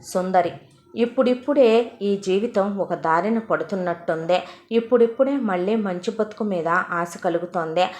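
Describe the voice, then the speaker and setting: A woman's voice: mid-range voice, moderate pace, roomy sound, lightly acted. Woman voicing a hopeful, earnest young woman. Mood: wistful. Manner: soft earnest monologue.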